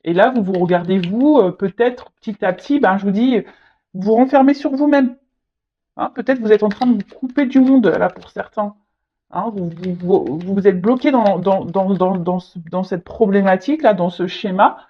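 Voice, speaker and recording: A tarot reader talks through a casual reading, stumbling and repeating words as the thoughts come. The voice sits at a middle pitch, and the recording sounds dull and lo-fi. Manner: halting, repeats words, frequent "hein" tags.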